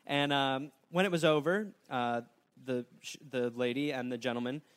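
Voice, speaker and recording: A man with a clear, resonant, mid-range voice hosts a comedy podcast at a moderate pace. He tells a story in an animated, jokey way, slipping into silly put-on voices.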